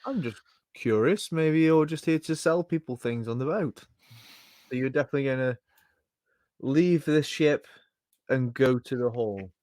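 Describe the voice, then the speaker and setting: A man's voice: medium pitch, unhurried, long pauses, a little mellow, no echo, clean studio sound. A man playing a tabletop game, talking casually with a playful, sarcastic edge. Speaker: player.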